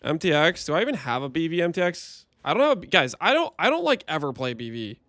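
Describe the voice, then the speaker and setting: A man's voice: on the high side, big pitch swings, quick pace, fairly bright tone, no room sound. A man on a livestream headset mic, chatting and joking as he thinks aloud through gameplay commentary.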